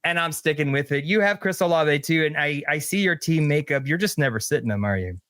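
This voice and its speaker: A man talks through his sports picks in loose, joking banter, pressing his point again and again. His voice sits a little high. The sound is dry and close. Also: lively intonation, a little fast, a bit bright, dry recording. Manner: joking, insistent, laughs often. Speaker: podcast co-host. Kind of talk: casual fantasy sports chat.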